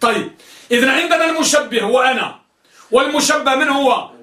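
A man's voice: very high voice, lively intonation, a little fast, bright, forceful tone, soft background music. A male teacher giving a classroom lesson, questioning students and drilling their answers. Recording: echoey room, mic at a distance.

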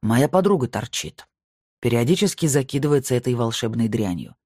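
A stern male medium, played by an audiobook reader, speaks slowly in curt, grim sentences. His tone is warm and husky. The recording is dry and close. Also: medium pitch, expressive, no room sound, natural voice. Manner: slow, clipped and curt. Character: stern bearded male medium, weary and tense.

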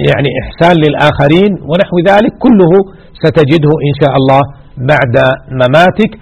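A man's voice: fairly high pitch, gravelly, a little mellow, husky, dull audio. A man teaching a religious lesson, exhorting his listeners and repeating key words for emphasis. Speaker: sheikh teaching hadith.

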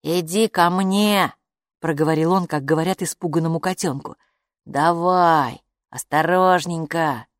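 A woman's voice: mid-range voice, normal speed, no echo, studio quality, lightly acted. A woman voicing a sensible boy who speaks steadily and firmly in an audiobook. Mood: coaxing. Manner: steady, coaxing and firm. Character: sensible boy, calm and in charge. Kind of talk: audiobook character voice.

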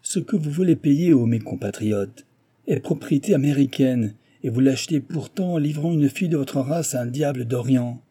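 A man's voice: medium pitch, normal speed, mellow, slightly rough, pitched above the performer's own voice, natural voice. A man voicing a gleeful, mocking older American engineer who sneers at his rival. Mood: gloating. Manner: sneering, sarcastic.

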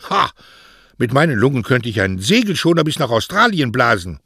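A man's voice: medium pitch, sing-song, a little fast, sharp tone, slightly rough, dry recording, clean studio sound, voice pushed up, heavily acted. A man voicing a young male postman who pleads earnestly and emotionally. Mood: protesting.

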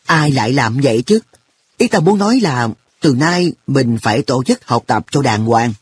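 A man voicing an earnest, quick-tempered schoolboy in a storybook reading, speaking with a raised, indignant boyish tone. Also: mid-range voice, animated, slightly rough.

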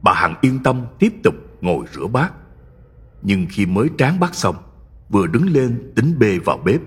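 Husky man narrating a horror story. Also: fairly low pitch. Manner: dramatic, suspenseful.

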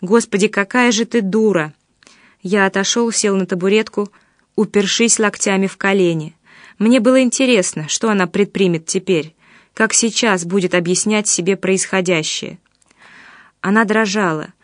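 A woman reading an audiobook in a steady, measured way. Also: medium pitch, no room sound, clean studio sound. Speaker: narrator.

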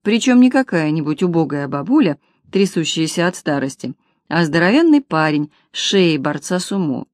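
Woman narrating an audiobook, lowish and dry. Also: sing-song, normal speed, darkish tone, no echo. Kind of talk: scripted narration of a humorous detective novel.

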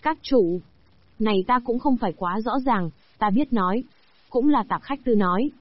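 A text-to-speech woman's voice reading the lines of a respectful, loyal male subordinate in an audiobook, in an even machine delivery. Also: a little high, normal speed, no room sound. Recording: dry, dull lo-fi audio.

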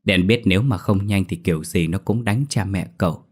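A male storyteller narrating a horror tale in a steady, measured way. His voice sits on the low side. The delivery is read from a script. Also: slightly rough.

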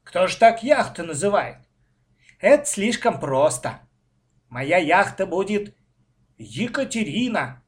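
Man doing a young storybook boy who argues, high voice, drawn-out emphatic words. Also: sing-song, full character voice. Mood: arguing. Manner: argumentative. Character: arguing young boy, the narrator's brother.

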